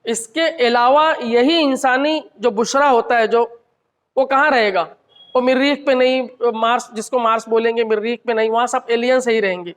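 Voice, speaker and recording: A man giving a measured, analytical critique of a short story at a literary gathering, with occasional restarts. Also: very high-pitched, steady tone, a bit bright, clear, resonant tone. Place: college hall. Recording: reverberant hall.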